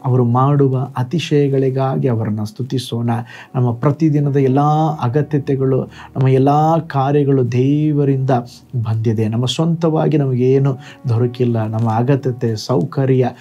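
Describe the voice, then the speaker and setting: Pastor guy giving a short sermon, slow and calm, low soft tone. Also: dull audio. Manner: slow, measured preaching.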